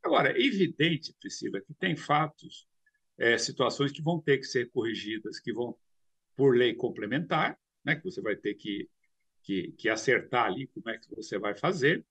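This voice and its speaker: An older man in his sixties speaks over a video call from a home study lined with bookshelves. His voice is gravelly and somewhat husky. The pitch rises and falls a lot as he explains, and he hesitates often and repeats filler words. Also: sing-song, moderate pace, a bit bright. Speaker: commentator. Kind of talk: remote news commentary.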